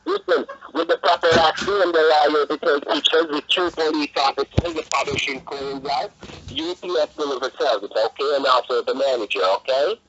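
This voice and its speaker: A man working as a telemarketer, reciting a scripted pitch in a rushed, insistent, repetitive manner over the telephone. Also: fairly bright tone. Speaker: telemarketer (scam caller). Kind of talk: scripted phone sales pitch. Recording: muffled telephone call audio.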